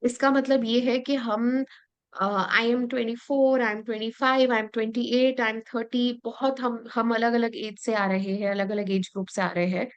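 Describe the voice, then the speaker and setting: A woman's voice: fairly high pitch, steady tone, slow, clean tone, dull audio. A woman with an Indian English accent leading an interactive lesson, explaining step by step and often checking that her listeners follow. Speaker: workshop facilitator.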